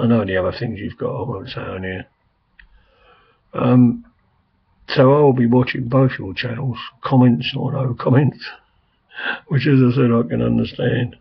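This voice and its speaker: An older man, hoarse and coughing, rambling chattily with lots of fillers in a casual video message from a quiet room at home. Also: mid-range voice. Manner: rambling, chatty, frequent "I mean" and "um". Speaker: vlogger. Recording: dull lo-fi home recording.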